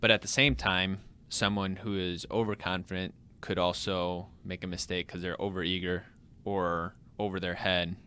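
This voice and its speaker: A man with a deep, clean-toned voice talks through ideas in a relaxed panel discussion. He speaks in a measured, thoughtful way, building each point patiently. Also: smooth. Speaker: podcast panelist. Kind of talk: casual discussion.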